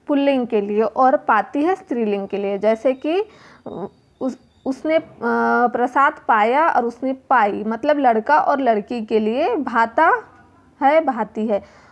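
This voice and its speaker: Slow, patient woman teacher. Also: a little high. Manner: slow, deliberate, repeats words and sounds for children. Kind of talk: classroom lesson walkthrough.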